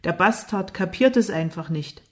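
A woman voicing an angry, jealous young man who speaks loudly and with hostile taunts, in an audiobook. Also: fairly low pitch, lively intonation, moderate pace, natural voice. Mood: taunting.

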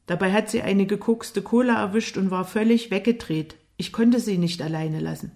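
Woman reading as a calm blind young man. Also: medium pitch, normal speed, natural voice. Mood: restrained.

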